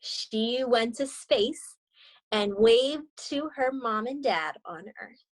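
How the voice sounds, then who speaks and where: A young woman, acting as teacher and storyteller, reads aloud to kids and leads a lesson through a video call from inside a room. She talks slowly in a higher register, and the audio quality is poor.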